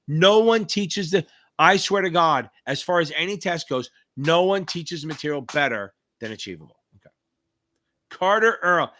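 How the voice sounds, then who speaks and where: A middle-aged man hosts a live question-and-answer stream, calling out viewers by name. He hypes them up with swear words and shouted cheers. His voice sits fairly high and sounds bright and forceful. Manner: hyped, profane, shouty cheers. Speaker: livestream host and exam tutor. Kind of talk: live Q&A chat.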